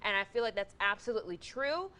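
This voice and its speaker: A woman in her twenties anchoring and reporting TV news, reading stories crisply and bantering upbeat with co-hosts. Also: mid-range voice, lively intonation, fast talker, bright, forceful tone.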